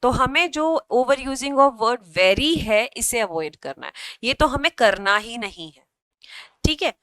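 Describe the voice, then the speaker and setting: Slow, clear-voiced woman teacher. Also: on the high side, expressive, a bit bright, no room sound. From Delhi, India. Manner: patient, keeps checking in with "theek hai?". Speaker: English and IELTS teacher. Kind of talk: bilingual classroom explanation.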